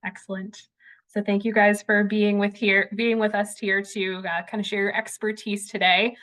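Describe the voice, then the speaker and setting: A woman's voice: mid-range voice, normal speed. Casual woman moderating a panel. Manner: casual, conversational, relaxed phrasing.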